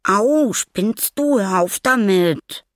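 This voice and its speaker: A man voicing a feisty young girl who scolds in hushed, sharp tones. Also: mid-range voice, sing-song, measured pace, vocal fry, breathy edge, no room sound, clean studio sound, pitched above the performer's own voice, full character voice. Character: spirited young girl, bold and quick.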